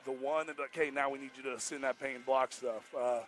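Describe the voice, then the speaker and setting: A basketball coach with an American accent gives a post-game interview courtside in an indoor arena, speaking on a headset in a casual, emphatic, colloquial way and repeating his points. His medium-pitched voice is brisk and fairly bright with fairly even intonation, and there's a little hiss or hum.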